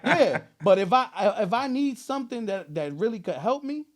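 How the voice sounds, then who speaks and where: A man's voice: high voice, lively intonation, moderate pace. A man with a New Jersey accent talking casually as a rapper being interviewed, using heavy street slang and emphatic, repeated check-in phrases.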